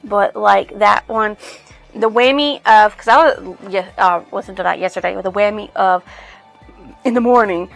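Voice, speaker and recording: A woman's voice: medium pitch, moderate pace, creaky, soft background music. A woman reviewing a novel in casual chat, rambling with many fillers and swearing freely. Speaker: book reviewer.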